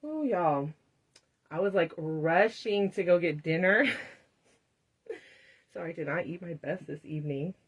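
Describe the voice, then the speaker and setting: A woman's voice: fairly low pitch, measured pace, long pauses, husky. Chatty woman demonstrating a craft. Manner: chatty, laughs often, talks directly to viewers. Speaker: craft tutorial host. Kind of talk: live craft demonstration chat.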